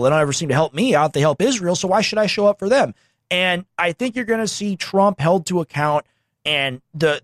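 A man with a slightly high voice hosts a political call-in show. He talks informally and emphatically, pushing his opinions, in a dry, close recording. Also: no room sound. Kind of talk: political talk show commentary.

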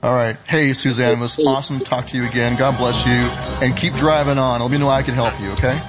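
A man's voice: medium pitch, steady tone, quick pace, music in the background. A man hosting a political talk show, conversational, with casual, punchy phrasing.

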